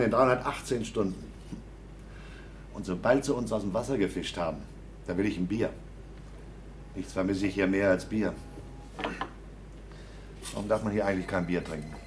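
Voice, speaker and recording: A gruff astronaut in a radio play, with a low voice and a dry, grumbling delivery. Faint noise sits behind the sardonic lines. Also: male voice. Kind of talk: German radio play acting.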